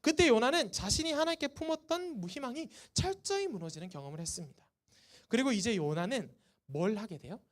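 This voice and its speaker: A woman preaching to a youth group at a church service. She keeps asking the students questions and then answers them herself. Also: a little high. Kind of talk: sermon to teenagers.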